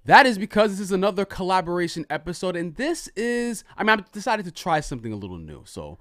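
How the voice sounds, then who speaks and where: A man with a high, lively voice hosts a podcast. He banters casually with mock swagger. His pitch swings freely as he talks. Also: quick pace, dry recording, studio quality. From Haitian background. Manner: playful, tongue-in-cheek bravado. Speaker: podcast host.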